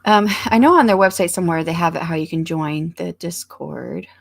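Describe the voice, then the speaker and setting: Chatty woman host with a gravelly voice. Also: lowish voice, normal speed. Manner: chatty, rambling, many ums and restarts. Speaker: livestream host reading chat. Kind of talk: casual chat.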